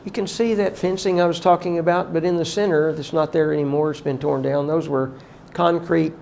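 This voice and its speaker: An older man, a college teacher, reminiscing about former staff in a heartfelt, halting way, often emotional and prayerful. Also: on the high side, fairly even intonation, gravelly, a little mellow, slight background noise.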